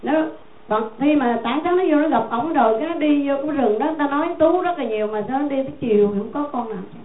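A woman's voice: sits high, quick pace. A woman, a Buddhist nun giving a dharma talk in a folksy, repetitive, conversational way. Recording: echoey tinny phone-like sound.

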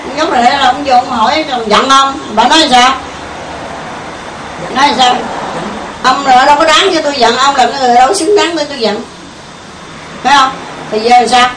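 A woman's voice: sits high, brisk, pauses often. A woman with a Southern Vietnamese accent giving an informal Buddhist meditation talk to a group, conversational and often asking her listeners questions. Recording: echoey room, mic far off, faint hiss.

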